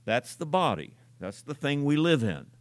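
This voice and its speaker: A man's voice: a little high, big pitch swings, moderate pace, no echo. Older man preaching in a folksy way. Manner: folksy, storytelling, repeats words for emphasis. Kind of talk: conversational sermon.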